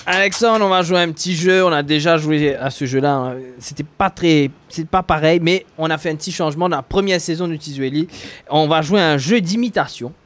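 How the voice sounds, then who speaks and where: A man hosting a TV talk show, upbeat and quick, laughing often with his guest. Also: a little high, dry recording. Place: TV studio.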